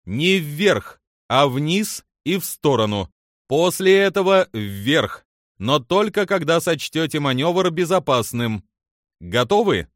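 Stern lady admiral barking crisp orders, dry close sound, man doing her. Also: deep voice, sing-song, slow pace, no room sound, pitched above the performer's own voice, heavily acted. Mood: tense, urgent. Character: stern, commanding female alien admiral.

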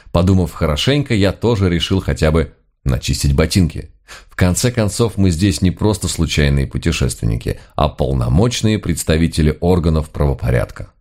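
Deep-voiced man, ironic narration. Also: darkish tone. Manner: dry, ironic storytelling. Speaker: audiobook narrator. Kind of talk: scripted narration of a comic novel.

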